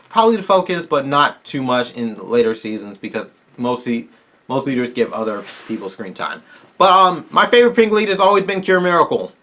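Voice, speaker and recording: A man hosting his own channel wraps up a casual Q&A, rambling to viewers with eager fan energy and restarts in a tired, strained voice. He speaks on the high side with a fairly bright tone.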